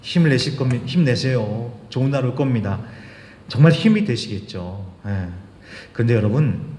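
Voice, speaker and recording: Animated male pastor in an echoey hall. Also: a little high. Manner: conversational, asks the congregation questions, acts out quotes. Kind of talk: sermon. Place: church sanctuary. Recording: roomy church hall with long reverb.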